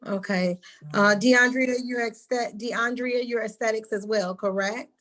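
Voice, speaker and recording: A woman's voice: fairly high pitch, steady tone, a little slow, a bit bright, rough recording. A woman hair school instructor leading an online orientation over a video call, calling on students by name in a friendly, directive way.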